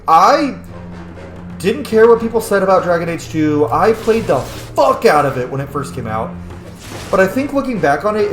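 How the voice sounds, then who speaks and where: In an echoey room, a man with a fairly high voice rambles through opinionated let's-play commentary for his gaming channel. He's blunt, emphatic and swears a lot.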